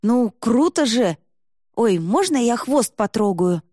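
A woman's voice: medium pitch, unhurried, no echo, clean studio sound. A woman voicing a bold, cheeky young woman archer who talks brashly and jokes a lot. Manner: brash, excited, joking.

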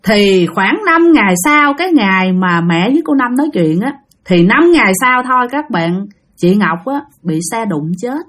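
A woman's voice: a little high, lively intonation, normal speed, a bit bright. A woman telling a ghost story in a conversational way, addressing listeners directly and repeating phrases for emphasis.

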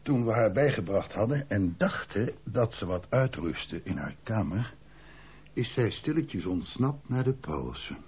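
A lowish, expressive male voice at a measured pace, with a slight hiss or hum. He is an actor voicing a frank, loyal army captain in a Dutch radio drama, deferential yet emphatic, recounting events in a grave mood. The old radio recording sounds muffled and band-limited.

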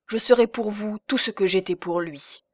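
A woman's voice: mid-range voice, moderate pace, a little mellow, no echo, clean studio sound, lightly acted. A woman reading an audiobook, voicing a bitter, jealous older spinster with an intense, vengeful undertone. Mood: fervent.

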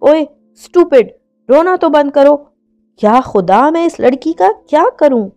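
A woman's voice: on the high side, animated, unhurried, mellow, highs cut off, faint music behind. A woman voicing a hot-tempered young man who scolds his fiancée in a read-aloud story. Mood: exasperated. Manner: scolding, exasperated.

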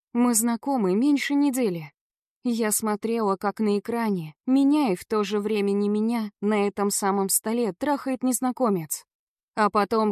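A woman's voice: medium pitch, darkish tone, no room sound, studio quality. A woman narrating a first-person audiobook in a dramatic, tense storytelling manner.

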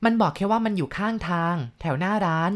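Female storyteller, lowish voice, casual chatty ghost-story retelling with frequent asides. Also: quick pace. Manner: chatty, adds explanatory asides and polite particles.

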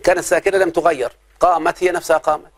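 A man's voice: on the high side, flat delivery. Egyptian man teaching grammar. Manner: questioning, drawn-out examples. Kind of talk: classroom lesson.

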